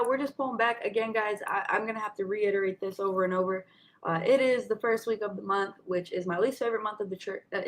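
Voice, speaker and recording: A woman's voice: medium pitch, slight background noise. Woman trading coach with slight retainer lisp. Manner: instructive, addressing listeners directly, checking with "right?". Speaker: trading coach hosting a market session. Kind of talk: informal live chart commentary for students.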